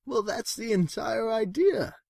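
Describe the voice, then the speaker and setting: Guy doing a sly trickster storybook cat, gravelly, slow, theatrical, fake reassuring. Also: high voice, animated, a little mellow, no room sound, pitched above the performer's own voice, exaggerated voice. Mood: quietly sinister. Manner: smooth-talking, theatrical, rhyming.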